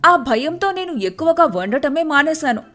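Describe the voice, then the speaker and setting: A woman's voice: high voice, big pitch swings, normal speed, fairly bright tone, soft background music. A woman voicing a timid, put-upon wife who answers her husband with mild exasperation. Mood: exasperated. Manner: exasperated, complaining.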